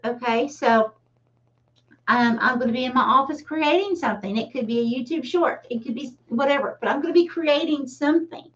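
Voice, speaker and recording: A middle-aged woman gives a casual tarot reading on a livestream, chatting away and often laughing at herself. Her voice is high and fairly quick, with a little hiss or hum, and the mic sounds distant and slightly dull.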